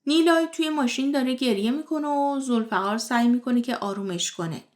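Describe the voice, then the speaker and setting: A woman retelling the episodes of a television drama in scripted narration, moving briskly from scene to scene. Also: on the high side. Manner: brisk retelling of scenes in plain third person. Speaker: series recap narrator.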